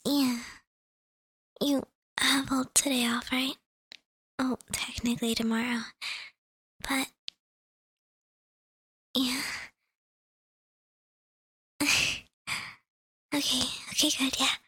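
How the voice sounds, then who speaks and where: Brief: woman voicing a tender girlfriend, bright hushed tone, hesitant and giggly. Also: high voice, little pitch movement, extremely slow, pauses often, husky, dry recording, heavily acted. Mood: affectionate. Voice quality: soft, often whispered. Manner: hesitant, giggly, lots of fillers. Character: affectionate girlfriend welcoming partner home. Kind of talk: audio roleplay.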